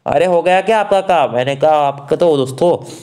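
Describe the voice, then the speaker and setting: Male teacher from Rajasthan, higher-pitched voice, casual and chatty, sounds out vowels for students. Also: normal speed, a little mellow. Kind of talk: online exam-prep grammar class.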